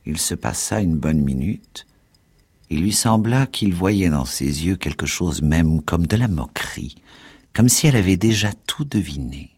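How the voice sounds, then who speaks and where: A man giving a measured, dramatic scripted narration of a novel. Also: deep voice, a little mellow, husky. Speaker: audiobook narrator.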